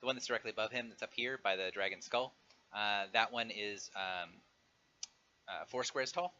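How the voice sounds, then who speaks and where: A man running a tabletop session, describing the terrain in a loose, rambling way. His voice sits a little low and cuts through with a bright edge, on a muffled recording. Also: normal speed. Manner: relaxed, filler-heavy rules explanations. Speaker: game master. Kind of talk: running a tabletop game over a live stream. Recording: dull lo-fi stream audio.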